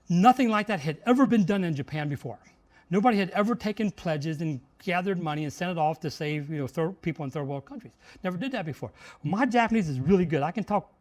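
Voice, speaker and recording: A middle-aged man giving a motivational talk, telling a story with lots of energy and raising his voice sharply when he acts out shouted lines. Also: a little high. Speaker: host, marketing speaker.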